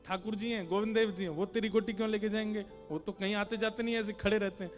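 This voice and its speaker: A man doing a gruff, scolding temple gatekeeper. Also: high voice, fairly even intonation, fast, soft background music, lightly acted. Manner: scolding, brusque.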